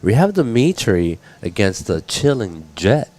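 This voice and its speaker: A man's voice: fairly low pitch, big pitch swings, unhurried, darkish tone. A man casually chatting through live commentary as a surf contest announcer.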